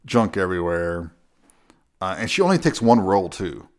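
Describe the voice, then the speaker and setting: A man's voice: low voice, very animated, moderate pace. A man co-hosting a podcast, casually recapping a film, laughing often and swearing now and then. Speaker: podcast co-host.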